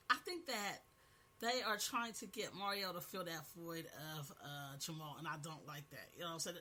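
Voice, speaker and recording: A woman's voice: on the low side, pushed and bright. Chatty woman with a cold. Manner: chatty, repeats "you know what I'm saying". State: has a cold, coughing. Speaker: podcast host reviewing a TV episode. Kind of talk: casual recap chat.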